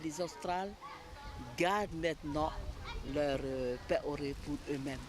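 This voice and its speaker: A woman weaver talks slowly and haltingly to a reporter at an outdoor market. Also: sits low. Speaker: weaver artisan. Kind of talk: street interview.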